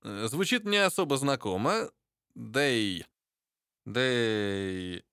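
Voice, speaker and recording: A man's voice: mid-range voice, expressive, extremely slow, a bit bright, clear, resonant tone, no room sound, studio quality, exaggerated voice. An actor playing a talkative young male hunter in an audiobook, joking and full of gossip. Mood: chatty.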